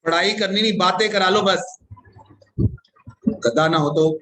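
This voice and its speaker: A man's voice: high-pitched, a little slow, sharp tone, roomy sound, poor audio. A man teaching an accounting class, teasing and scolding his students as he quizzes them.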